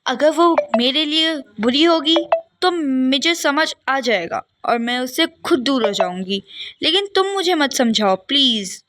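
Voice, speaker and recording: Woman playing a young female student, high voice, suspicious, snappy retorts, doll game role-play. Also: animated, a little slow, a bit bright. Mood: indignant.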